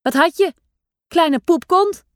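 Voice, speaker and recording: A woman's voice: extremely high pitch, slow pace, dry recording, clean studio sound, pitched above the performer's own voice. A woman voicing a rude, taunting boy of seven who bullies younger children in a storybook. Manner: taunting, rough.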